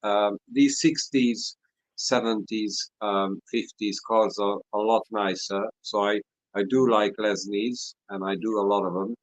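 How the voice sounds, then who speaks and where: A man chatting casually in hesitant, halting short phrases. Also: on the low side, steady tone, no room sound, low-quality recording. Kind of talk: casual chat.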